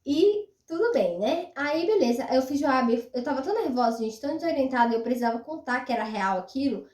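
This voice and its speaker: A young woman with a high, bright-sitting voice chats animatedly to her viewers, repeating her words for emphasis. She sounds a little off-mic, in a room with a noticeable echo that lingers around her. Her delivery is loose, personal storytelling. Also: lively intonation, fairly quick. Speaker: vlogger. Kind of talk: casual storytelling to camera. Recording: roomy echo, mic at a distance.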